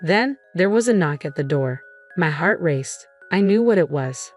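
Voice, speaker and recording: Young adult woman narrator, low voice, steady dramatic storytelling over faint music. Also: a little slow. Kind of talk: scripted first-person story narration. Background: faint background music.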